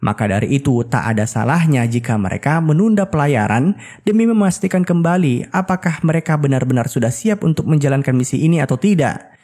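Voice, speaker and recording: A man's voice: fairly high pitch, animated, fairly quick, a little mellow, slightly rough. Man narrating a film recap. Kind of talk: scripted storytelling narration with casual asides.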